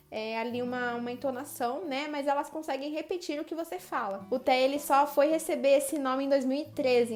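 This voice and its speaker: A young woman with a Brazilian Portuguese accent, a psychology student presenting an explainer video in a chatty way that speaks directly to viewers. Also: high voice. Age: young adult.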